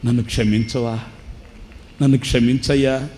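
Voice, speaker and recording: A man's voice: medium pitch, fairly even intonation, normal speed, dark tone, lightly acted. A man doing a weeping, hungry old man. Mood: tearful. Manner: tearful pleading.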